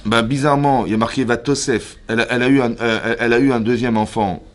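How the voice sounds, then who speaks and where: A man's voice: mid-range voice, fast. A man, a rabbi giving a Torah lesson to a women's class, who keeps checking that his listeners follow and acts out the characters' words as he explains. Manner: lively, questions the listeners often.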